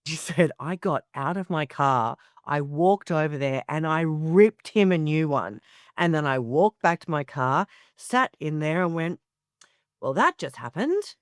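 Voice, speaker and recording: A woman in her forties tells candid stories as a podcast guest, frank and animated. Her voice is smooth and clear. It is close and dry, with no room sound. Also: sits low, a little slow, no room sound. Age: 40s. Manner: animated storyteller, frank and swearing. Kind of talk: candid casual interview.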